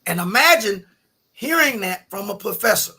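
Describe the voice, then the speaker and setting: A middle-aged man telling a story in a colloquial, animated way, often acting out the people he quotes. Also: high voice, moderate pace, husky. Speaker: podcast guest. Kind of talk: casual storytelling.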